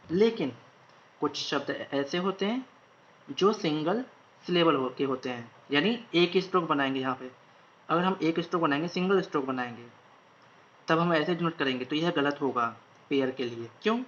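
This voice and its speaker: Male shorthand tutor, slow and repetitive, slightly high voice, dull lo-fi sound. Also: fairly bright tone. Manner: slow, repeats each word several times while writing. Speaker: shorthand instructor. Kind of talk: online lesson. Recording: dull lo-fi recording.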